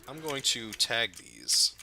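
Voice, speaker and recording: A man's voice: mid-range voice, huge pitch swings, slow, gravelly, sharp tone, a little hiss or hum. A man giving casual, profane, jokey commentary over his own gameplay and talking back to the game characters.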